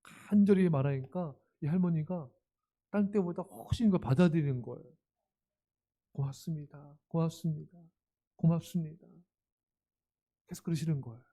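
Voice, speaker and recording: A middle-aged man preaches a sermon, his voice pitched a bit high for a man. He drops to a soft, gentle tone and then rises to loud, emphatic lines. He acts out the voices in his quotes with animated energy. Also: fairly quick. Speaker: pastor.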